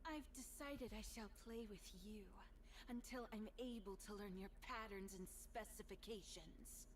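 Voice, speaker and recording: An actress voicing a cold, synthetic female enemy with a self-repairing body, who speaks in a detached, measured and imperious way. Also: medium pitch, fairly even intonation, slight background noise, natural voice. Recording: game audio with loud music.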